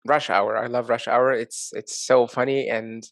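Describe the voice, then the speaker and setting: A man's voice: mid-range voice, fairly even intonation, a little slow, gravelly, no echo, clean studio sound. A man answering interview questions in easy casual chat over a video call, joking and laughing at himself. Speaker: guest.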